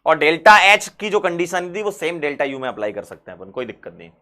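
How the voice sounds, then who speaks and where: A male chemistry teacher with a bright, forceful voice that sits a little high. He talks in a lively way, repeats his key phrases, and asks questions that he answers himself. The lesson is for exam preparation. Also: quick pace.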